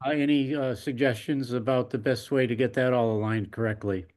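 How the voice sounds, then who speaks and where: A man casually asking a question in hesitant, halting phrases. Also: mid-range voice, fairly even intonation, darkish tone. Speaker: audience member asking questions.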